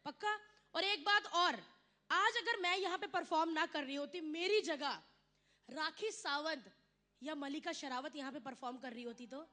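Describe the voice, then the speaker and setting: A woman's voice: high-pitched, normal speed, sharp tone. A woman from India performing live stand-up comedy, chatty and teasing the audience, acting out her mother and others in her stories.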